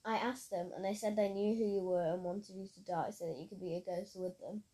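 A woman reading a story aloud, voicing a calm, mysterious young man who owns a cottage. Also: medium pitch, fairly quick, lightly acted, poor audio.

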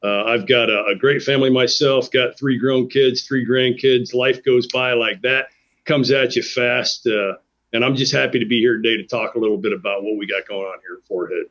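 A man's voice: mid-range voice, fairly even intonation, normal speed, a bit bright, lo-fi sound. A man in his fifties, an army general, talking casually in an interview in an upbeat, plain-spoken way. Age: 50s.

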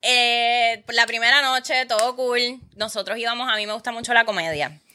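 Woman, casual podcast chat, high voice, bright tone, lively swearing storyteller. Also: normal speed, a little hiss or hum. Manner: animated, profane storytelling, acting out quotes.

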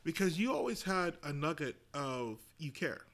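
A man's voice: a little high, sing-song, moderate pace, fairly bright tone. A man, a former basketball coach from Canada, reflecting in a casual conversation with many fillers.

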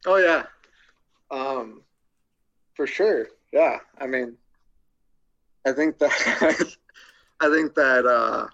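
A young man talks slowly and deadpan as a podcast guest, cracking crude jokes and pausing on frequent ums. His voice has a bright, forward edge. The recording sounds a little muffled. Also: mid-range voice, vocal fry. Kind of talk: casual interview chat.

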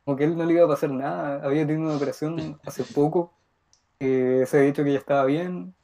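A teenage Chilean man tells a story with lively, slangy energy. His voice sits a little high, yet it sounds mellow and soft-edged. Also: fast talker, vocal fry. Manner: animated, slangy, laughs often. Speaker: podcast co-host. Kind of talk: casual storytelling chat.

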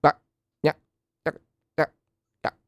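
A man's voice: slow, dry recording, muffled recording. Man, radio prank host, fakes a glitchy breaking-up call, clipped choppy syllables, dry close sound. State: faking a glitchy cutting-out call.

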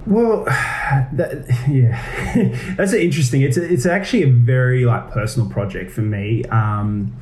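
Australian man, TV presenter, warm dark tone, rambling casual chat, echoey room. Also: mid-range voice, a little slow. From Gold Coast, Queensland, Australia. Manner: rambling, many fillers and restarts. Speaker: TV presenter and actor. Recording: roomy echo.

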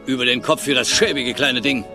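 A man's voice: medium pitch, a little fast, sharp tone, soft background music. An actor playing a stern, demanding middle-aged father in a TV drama dub, lecturing and curt. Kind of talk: German TV series dub acting.

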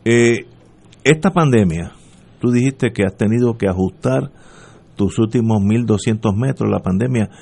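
Husky joking older Puerto Rican man. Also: on the low side, moderate pace, mellow. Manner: joking, rambling, laughs often. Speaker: radio talk show host. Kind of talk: casual talk show interview.

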